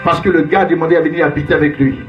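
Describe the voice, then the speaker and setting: A man's voice: a little high, steady tone, very fast, muffled recording, faint music behind. A man preaching as a prophet, emphatic and repetitive, calling out names and Alléluia in call-and-response.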